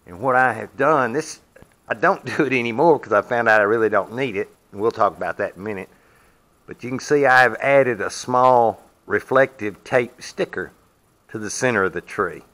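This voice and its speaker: At normal speed and with a fairly bright, mid-range voice, a sawmill owner gives a hands-on demonstration of his mill in a metal shed. His explanations are homespun and plainspoken, and he sometimes moves away from the camera.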